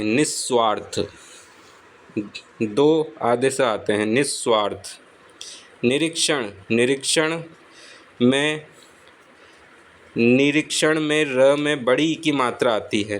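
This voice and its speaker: A man teaching exam spelling, saying each word slowly and repeating it for his students. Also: medium pitch, a bit bright, a little hiss or hum, low-quality recording. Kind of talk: slow spelling lesson.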